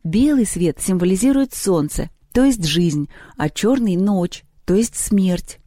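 A reader voicing a giggly, quick-witted girl who is a bit timid. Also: medium pitch, lively intonation, warm tone, dry recording, clean studio sound. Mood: reciting.

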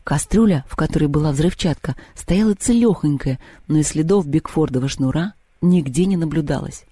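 Guy reading an audiobook, a bit high, warm mellow voice, dry close sound. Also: moderate pace, husky, no room sound. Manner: expressive reading, acting out voices. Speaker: audiobook narrator. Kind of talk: scripted narration.

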